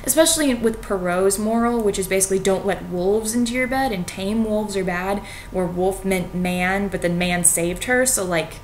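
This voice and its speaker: A young adult American woman with a mid-pitched voice reads and analyses a fairy tale for her vlog, talking casually to camera in an informal, wry way and hedging with "like" and "you know". She's indoors in a small home kitchen, recorded by a computer webcam at arm's length. The recording is noisy, with faint noise and a low rumble.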